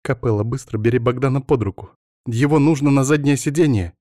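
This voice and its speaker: A man voicing a frantic, tearful young woman who pleads and bosses others in a high, shrill voice. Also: fairly quick, mellow, no echo, clean studio sound, natural voice. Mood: urgent commanding. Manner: shrill, pleading, breaking into sobs. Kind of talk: audiobook character voice.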